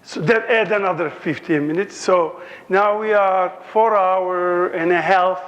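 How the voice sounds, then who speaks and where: A man's voice: high-pitched, fairly even intonation, measured pace, fairly bright tone, muffled recording. A man in his sixties from Turkey with a Turkish accent, giving a conference lecture in a joking, anecdotal way. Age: 60s.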